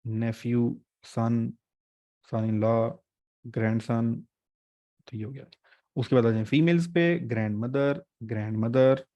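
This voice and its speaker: A male teacher runs an online exam-prep class in a chatty, joking way. His voice sits at an ordinary middle pitch and is recorded dry and close on a desk mic, with no room sound. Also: warm tone, no echo, highs cut off. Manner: chatty, joking teacher mixing English terms.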